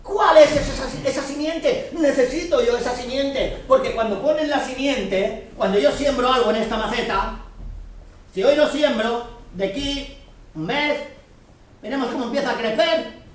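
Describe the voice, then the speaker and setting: A man's voice: very high-pitched, normal speed, slight background noise. A man giving Bible teaching to a congregation, earnestly explaining and checking often that his listeners understand. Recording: very echoey room, distant mic.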